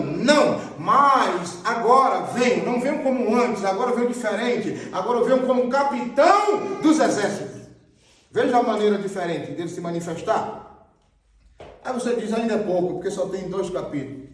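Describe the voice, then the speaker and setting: A high-pitched Brazilian Portuguese man preaching with emphatic repetition, pointing things out as he teaches. His voice is caught from a distance and rings around a very echoey hall. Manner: emphatic, repeats phrases, points at a drawn diagram. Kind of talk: sermon teaching with Bible readings. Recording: very echoey, far from the mic.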